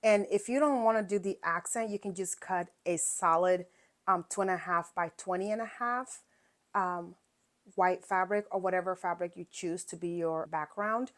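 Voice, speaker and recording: Low-voiced woman chatting through a sewing tutorial. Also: normal speed. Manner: chatty step-by-step explaining with fillers. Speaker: quilting channel host.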